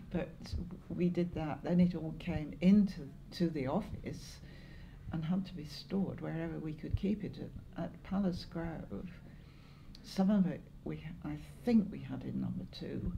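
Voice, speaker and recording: This longtime community volunteer, a Lancashire woman aged seventy or more, recounts earlier days for an oral history project in a low, dark, gently rounded voice with vocal fry. Her delivery is deliberate and hesitant as memories surface. Slight background noise is present, and the high frequencies are cut off.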